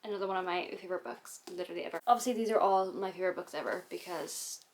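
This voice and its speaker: Woman book vlogger, casual chat, quick and rambling, ongoing hiccups. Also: on the low side, noisy background. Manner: rambling, chatty, loose.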